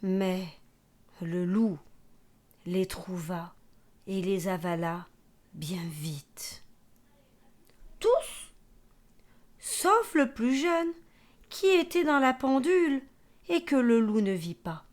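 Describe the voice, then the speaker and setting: A woman teacher reading a fairy tale aloud, expressive and sometimes whispering for suspense. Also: fairly high pitch, takes it slowly, pauses often. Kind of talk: storybook narration.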